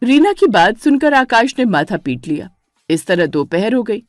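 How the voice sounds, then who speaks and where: A woman narrating a family drama story with lively storytelling. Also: medium pitch, normal speed, dry recording, studio quality, faint music behind. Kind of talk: scripted narration.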